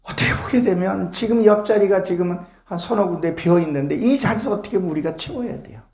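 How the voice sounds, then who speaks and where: A male pastor delivers a passionate sermon packed with rhetorical questions to his congregation in the church sanctuary. He speaks fast in a high, slightly mellow voice, and the room is echoey.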